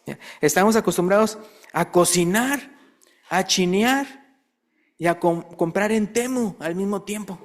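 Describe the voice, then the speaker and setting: A man's voice: a little slow, pauses often. Conversational preacher man. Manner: conversational, asks the congregation questions; acts out quoted voices with rising pitch. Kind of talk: sermon.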